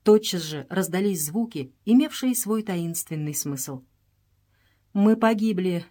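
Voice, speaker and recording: A woman narrating an adventure story as an audiobook in a steady storytelling voice. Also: lowish voice, a little slow, husky.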